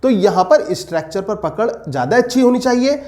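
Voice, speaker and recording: A man teaching English pedagogy for teacher exams, posing questions to his students and slowing down to dictate definitions. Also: high-pitched, expressive, darkish tone. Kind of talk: exam-prep lecture.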